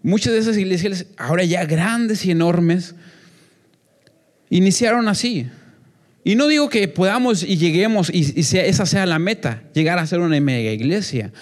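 A man's voice: high-pitched, expressive, normal speed. A young man preaching a sermon to a congregation, earnest and repetitive, often restarting his phrases. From Mexico. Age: young adult.

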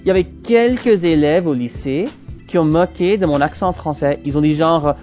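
Soft background music plays as a Canadian man in his twenties hosts a casual solo podcast. His voice is a little high and darkish at a moderate pace, carrying a Parisian-style French accent picked up in France. He's rambling and hesitant, often restarting his phrases.

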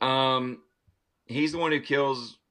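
In a relaxed movie review podcast, the host eagerly walks through a film's story scene by scene, full of profanity and laughter. He speaks slowly at a medium pitch, with a steady tone that sounds pushed and bright.

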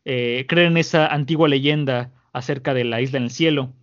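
A man's voice: medium pitch, moderate pace, fairly bright tone, natural voice. A man with a Mexican accent voicing a smug, mocking male pirate captain, scornful and long-winded, on a muffled lo-fi recording. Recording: muffled lo-fi audio.

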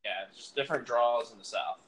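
Plain-spoken man with a bright voice. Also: medium pitch, a little fast, a little hiss or hum, low-quality recording. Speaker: podcast guest. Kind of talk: casual sports podcast chat.

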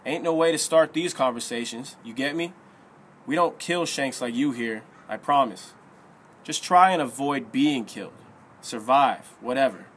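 A man voicing a gruff, bossy teenage boy leader who talks in rough slang, in a storybook reading. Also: mid-range voice, normal speed, fairly bright tone, a little hiss or hum, lightly acted.

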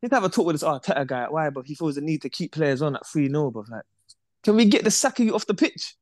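A young man, co-hosting a casual football chat, animated and repetitive, dropping "bruv" and "bro" constantly. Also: fairly high pitch, fast, no room sound, studio quality. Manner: animated, repeats himself, peppers talk with "bruv" and "bro". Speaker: podcast co-host.

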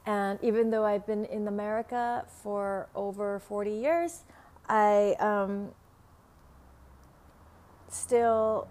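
With her window open to passing city traffic, a middle-aged spiritual teacher whose native language is Vietnamese records her podcast at home. Her medium-pitched voice carries a Vietnamese accent, and her relaxed monologue moves slowly and haltingly, dotted with fillers and gentle laughter. The street noise stays faint in the background.

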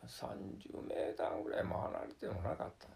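A man's voice: brisk, darkish tone, a little hiss or hum. An older man with a Kansai Japanese accent telling how he survived a flood, in a vivid, filler-heavy storytelling way. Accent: Kansai Japanese, Wakayama dialect. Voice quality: gravelly. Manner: vivid storytelling with sound words, many fillers. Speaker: flood survivor recounting his experience. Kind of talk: oral history testimony.

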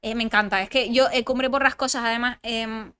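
Bright, chatty woman with a Spanish accent. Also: fairly high pitch, brisk, clear, resonant tone. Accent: Spanish regional accent. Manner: lively, chatty, talks through interruptions. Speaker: podcast guest, former reality show contestant. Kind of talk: casual interview chat.

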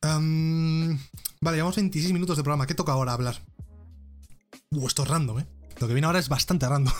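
A man's voice: fairly high pitch, fairly even intonation, fast, soft background music. A man with a Spain Spanish accent hosting a live gaming show, ranting bluntly and swearing freely on a close microphone. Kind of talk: ranting live-stream commentary. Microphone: close desk microphone.

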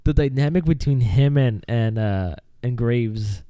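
A man with a very dark, mellow voice chats casually as co-host of a wrestling podcast. He rambles loosely and keeps saying "dude". The sound is dry and close, with no room around it. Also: medium pitch, a little slow, clean tone, dry recording.

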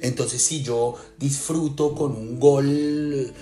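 A man's voice: medium pitch, fairly even intonation, slow pace, mellow. Hesitant Colombian man, music behind. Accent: Colombian Spanish. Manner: thoughtful, hesitant, many fillers and restarts. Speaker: writer and lecturer. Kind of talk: casual reflective talk.

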